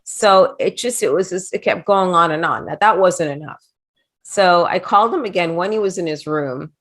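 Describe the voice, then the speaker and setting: A woman's voice: lowish voice, moderate pace, a bit bright. A middle-aged woman guest in a casual interview, telling chatty anecdotes and slipping into quoted voices. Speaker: interview guest, former wrestling manager.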